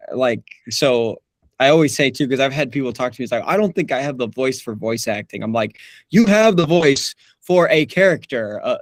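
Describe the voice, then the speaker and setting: This young man, a voice actor appearing as an interview guest, has a slightly high voice and chats easily, laughing frequently, restarting lines and using fillers. The sound is studio quality with no echo.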